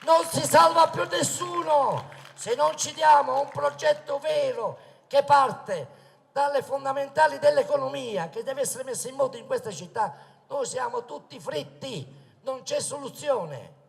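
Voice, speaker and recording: Male political orator, high-pitched, booming declamatory delivery, impassioned rally speech, emphatic repetition, long reverb across an open square. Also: vocal fry. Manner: rhetorical questions and emphatic repetition.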